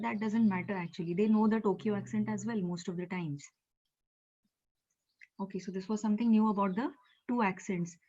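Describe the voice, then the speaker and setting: An Indian-accented woman giving a Japanese lesson over a video call, her voice warm and mellow at a middling pitch. She explains patiently and pads her sentences with fillers and repeated words. The sound is a little dull and lo-fi, like compressed call audio. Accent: Indian English. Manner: explanatory, with frequent fillers and repetitions. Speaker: Japanese language teacher. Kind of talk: online class lecture.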